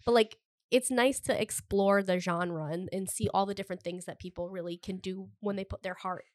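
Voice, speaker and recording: Female podcast co-host: congested voice, effusive casual talk full of "like", medium pitch. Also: fairly even intonation, brisk, darkish tone, no room sound. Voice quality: stuffy, slightly congested voice. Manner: gushing, enthusiastic, heavy use of "like". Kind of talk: casual chat.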